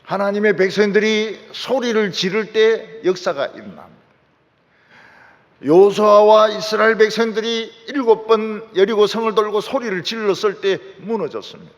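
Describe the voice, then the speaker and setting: A man preaching a sermon as pastor, fervent and at times shouting out his lines. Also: sits high, normal speed. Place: large church sanctuary. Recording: church hall with long reverb.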